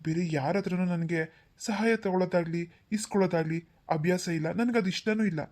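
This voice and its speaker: An earnest young husband in a cartoon, politely pleading in a fairly low voice as a woman acts him. He sounds proud and determined to stand on his own. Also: a little fast, darkish tone, natural voice. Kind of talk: cartoon voice acting.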